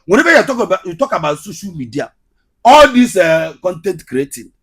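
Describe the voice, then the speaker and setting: Male interview guest, Igbo accent from Nigeria, high-pitched husky voice, emphatic storyteller. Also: sing-song, brisk, a bit bright. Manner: emphatic, repeats phrases for effect. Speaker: guest, comedian and skit maker.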